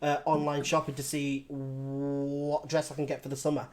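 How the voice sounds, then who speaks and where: Interviewer, male, slightly high voice, rambling and halting. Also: completely flat delivery, darkish tone, soft background music. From England. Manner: rambling, laughs often, halting restarts. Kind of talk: casual interview chat.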